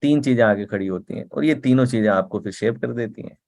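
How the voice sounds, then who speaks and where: A man's voice: medium pitch, fast talker, vocal fry, a little mellow. A man giving a motivational talk in a conversational way, often checking in with the listener and repeating words for emphasis. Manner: conversational, often asks "ठीक है?" and "right?".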